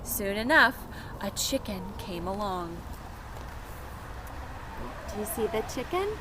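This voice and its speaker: Outdoors near pet chickens, a woman reads a picture book aloud to young children, expressively and with asides to them. Her medium-pitched voice has lively intonation and a slow pace, and the noisy outdoor recording carries urban ambience.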